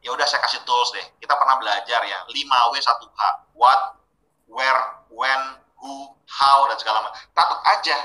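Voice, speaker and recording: A man's voice: medium pitch, normal speed. Man, webinar trainer, casual, asks audience questions, roomy echo. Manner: lively, questioning audience directly.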